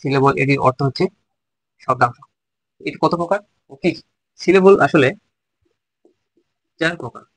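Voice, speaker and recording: Slow, repetitive male grammar teacher. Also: mid-range voice, breathy edge, no room sound, low-quality recording. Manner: slow, repeats phrases while writing examples. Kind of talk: Bengali grammar lesson.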